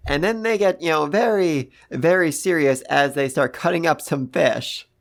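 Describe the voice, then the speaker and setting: A man talking through an anime episode in an easy, casual review. He gushes with excitement, peppers his talk with mild swearing, and leans on fillers as he goes. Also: a little high, normal speed, creaky. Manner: enthusiastic and gushing, casual swearing, many fillers.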